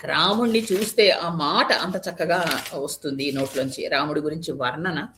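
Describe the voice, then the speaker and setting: A woman's voice: sits low, normal speed, a bit bright, slight background noise. A woman telling a devotional epic story in a conversational way, explaining the meanings of words and asking her listeners rhetorical questions.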